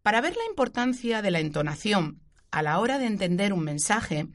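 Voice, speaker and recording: A woman teacher, explaining a grammar point clearly and giving spoken examples on a radio show. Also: mid-range voice, sing-song, moderate pace. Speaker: Spanish language teacher.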